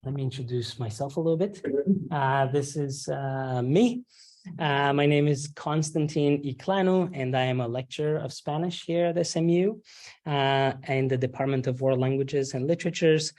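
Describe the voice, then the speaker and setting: A man presents a workshop to fellow faculty. He speaks in a halting way, filling pauses with ums and uhs and checking in with "right?". His voice sits at a middle pitch. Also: fairly even intonation, darkish tone. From Romania. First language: Romanian. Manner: halting, many ums and uhs, tags rhetorical questions with "right?". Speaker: university lecturer leading a faculty workshop.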